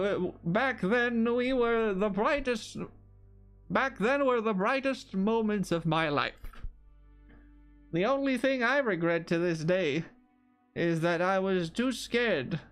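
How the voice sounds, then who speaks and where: A man's voice: high voice, animated, a bit bright, clean tone, soft background music, pitched above the performer's own voice, heavily acted. A man reading as a weary, tender older man. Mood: wistful. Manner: slow, solemn reading of game dialogue.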